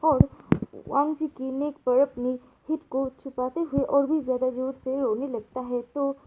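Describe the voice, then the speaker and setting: High-pitched woman reading fan fiction. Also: level tone, measured pace. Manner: casual storytelling mixing Hindi and English, with fillers. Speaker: fanfiction narrator. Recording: tinny phone-like audio.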